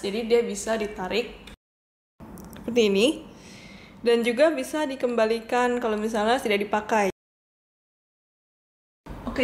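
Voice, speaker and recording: A woman reviewing a product in a casual demo, talking viewers through it step by step in a chatty way. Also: on the high side. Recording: echoey room with faint noise.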